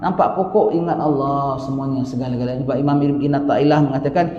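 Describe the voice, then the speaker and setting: A man's voice: mid-range voice, fast talker, dark tone. A man with a Malaysian accent giving a religious lecture, reading from a book and then explaining it with asides and rhetorical questions. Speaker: religious teacher. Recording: dull lo-fi recording in an echoey hall.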